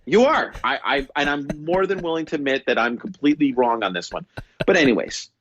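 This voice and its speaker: A man's voice: fairly high pitch, animated, a little fast, a bit bright, no room sound, highs cut off. A man with a New York accent, co-hosting a podcast in a casual, rambling chat with many restarts and stammers. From New York State. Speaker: podcast co-host. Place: London.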